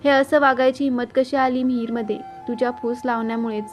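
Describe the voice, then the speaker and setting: A woman's voice: fairly high pitch, steady tone, brisk, faint music behind, natural voice. A woman voicing a stern, domineering middle-aged father who scolds harshly. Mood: scolding.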